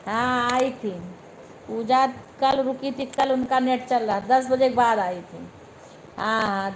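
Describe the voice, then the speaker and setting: A woman's voice: a little high, darkish tone, a little hiss or hum, poor audio. A young woman with an Awadhi accent hosting a phone live stream, chatting casually and speaking straight to her viewers by name.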